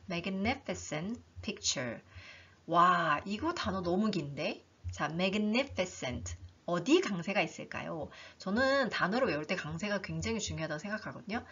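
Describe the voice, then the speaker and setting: A woman teaching an English book in a lively online lesson, reading lines aloud and explaining them, often voicing the learners' questions herself. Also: medium pitch, husky. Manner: animated, talks herself through learners' questions. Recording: dull lo-fi recording.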